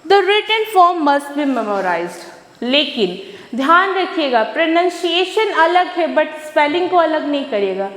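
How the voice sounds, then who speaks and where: A woman teaching an English class, reading each rule slowly, then asking the class questions and answering them herself. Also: high voice. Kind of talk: online class lecture. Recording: echoey room with long reverb.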